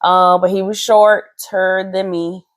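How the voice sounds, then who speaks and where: A woman co-hosting a podcast, chatting casually in a playful, animated way and stretching words out for effect. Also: mid-range voice, slow. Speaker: podcast co-host. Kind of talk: casual chat.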